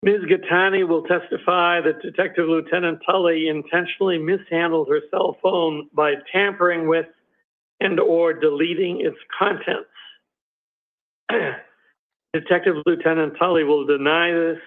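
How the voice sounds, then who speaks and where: Here the special prosecutor's voice is on the high side and steady in tone, moving at a moderate pace while he fumbles through ums and uhs and seems to be losing his voice. His courtroom argument comes through a video call with thin, phone-like sound.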